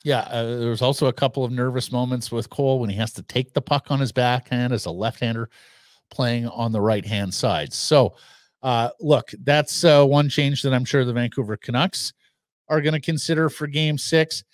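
A middle-aged man talks through the game at an even, mid-range pitch, laying out minutes and plus-minus numbers one by one. The sound is dry and close, with barely any room on it, and comes from a boom mic in a small home studio. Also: dry recording. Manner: measured, analytical, lists stats. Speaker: podcast co-host. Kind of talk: casual sports analysis. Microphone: studio mic on boom arm with headphones.

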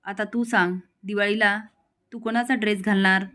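A domineering elder brother, as a woman storyteller puts him on, bossy and quick to anger. He lectures in an ordinary-pitched voice, laying down orders. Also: fairly even intonation, fairly bright tone, lightly acted. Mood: bossy, angry. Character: domineering elder brother, controlling and hot-tempered.

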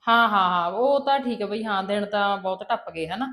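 A woman's voice: mid-range voice, fairly quick, fairly bright tone. A woman acting in a family drama, chatting politely on the phone. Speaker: actor in a family web drama. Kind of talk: scripted phone call scene.

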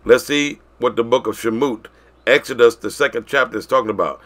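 A man preaches to his congregation in a bright, forceful tone. He pushes some lines out loud and lets others fall quiet and drawn out. His pitch sits in the middle range for a man. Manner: preaching, swinging between loud declarations and quiet drawn-out phrases. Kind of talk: sermon.

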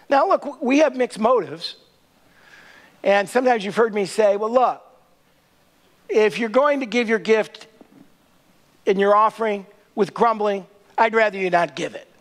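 High-voiced male pastor preaching. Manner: emphatic, rhetorical questions with a tag "right?". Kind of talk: sermon. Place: large church sanctuary with a stage.

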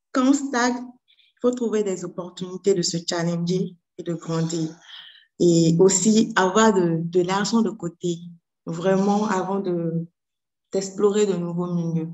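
Female moderator, video call; unhurried, formal, summarizes then asks. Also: medium pitch, a little mellow, low-quality recording. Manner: formal, poses questions and sums up. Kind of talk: moderating online panel.

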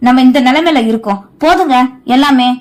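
A woman's voice: high-pitched, brisk, natural voice. A woman voicing a worried middle-aged aunt who pleads anxiously with her father-in-law in a storybook reading. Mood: pleading.

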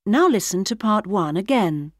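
A woman reading scripted exam instructions as an announcer, measured and carefully enunciated. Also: mid-range voice, animated, dry recording, studio quality. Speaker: test announcer.

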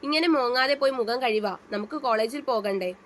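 Woman doing a caring young guy, firm but tender, storybook, highish. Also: fairly quick, slight background noise, lightly acted. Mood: reassuring. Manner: firm yet tender, reassuring. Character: young man, protective caring husband.

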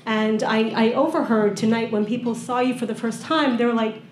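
A woman's voice: fairly high pitch, fairly even intonation, brisk, darkish tone, slight background noise. Woman interviewer, formal articulate delivery, handheld mic, echoey hall, faint ambience. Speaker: interviewer and program director. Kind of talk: hosting an on-stage interview. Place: event hall with audience.

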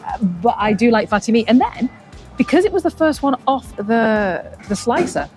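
A woman co-hosts a food vlog, her fairly high voice swinging up and down as she gushes over each bite. She chats casually and often breaks into delighted murmurs and exclamations. Music plays clearly in the background. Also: animated, normal speed, a little mellow. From United Kingdom. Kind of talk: casual chat while tasting food.

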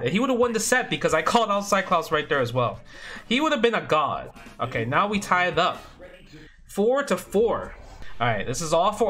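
A man commentating his own fighting game matches as he plays, swinging from quiet muttering to excited yelling. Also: a little high. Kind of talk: live gameplay commentary.

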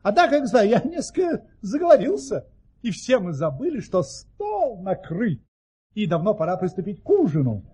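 An actor playing a boastful, cheerful baron who tells tall tales in an earnest, courteous, theatrical manner in an audio play. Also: male voice, high-pitched, wildly swooping pitch, normal speed, mellow, breathy edge, exaggerated voice. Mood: mock offended.

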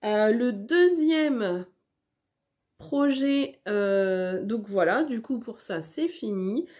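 A woman hosts a knitting vlog, chatting casually and showing her work to the camera. Her voice sits a little high and is animated and a bit mellow, but she speaks extremely slowly, with many hesitations, fillers, and restarts.

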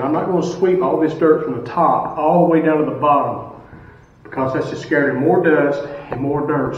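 Here a plain-spoken, middle-aged school custodian with a slightly high voice explains his routine step by step, throwing in rhetorical questions as he casually instructs. He stands in a hard-walled school stairwell indoors, and the far-off camera captures heavy echo that leaves the audio distant and dull.

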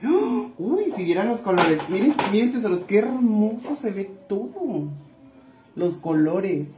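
A woman chatting warmly with viewers while cooking in her home kitchen, calling them little treasures. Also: mid-range voice, lively intonation, a little slow. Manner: chatty and affectionate, calls viewers "tesoritos". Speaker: cooking vlogger. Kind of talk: casual cooking chat to viewers. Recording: echoey room with faint noise.

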